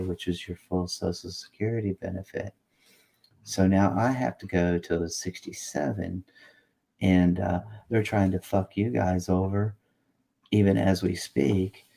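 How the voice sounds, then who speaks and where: A man in his late fifties with a very deep voice talks in casual, rambling chat. He swears freely as he goes. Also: gravelly, dark tone. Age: late 50s. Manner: rambling, profane.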